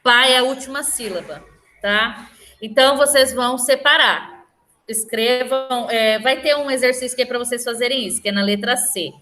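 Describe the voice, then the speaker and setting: A woman's voice: a little high, moderate pace, pushed and bright. A woman with a Brazilian Portuguese accent, a teacher explaining a lesson patiently and often checking that the class follows.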